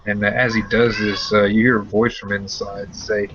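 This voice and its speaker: A man's voice: fairly low pitch, little pitch movement, moderate pace, a bit bright, dull audio, slight background noise. A man narrating as game master for a tabletop game, hesitant with many fillers.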